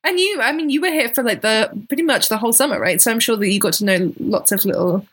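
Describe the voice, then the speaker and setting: A woman's voice: fairly high pitch, fast, a bit bright, breathy edge. A woman hosting a podcast, asking questions in a casual chat with many short encouragements. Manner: encouraging, frequent short backchannels. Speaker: podcast host. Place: outdoors in a city neighborhood.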